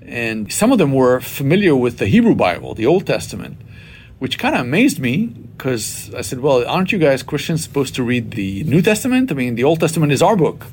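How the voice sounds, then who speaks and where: A man in his fifties from Israel speaks as an interview guest, recounting his story in a measured, reflective way. He pauses often and fills gaps with small hesitations. A faint low rumble sits behind his voice. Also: big pitch swings, darkish tone. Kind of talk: personal testimony interview.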